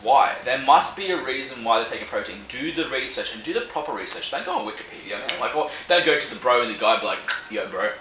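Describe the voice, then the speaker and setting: A man's voice: mid-range voice, sharp tone, a little hiss or hum. A young man with an Australian accent giving casual fitness advice, laid-back and full of slang and fillers. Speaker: fitness vlogger. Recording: echoey room with faint music.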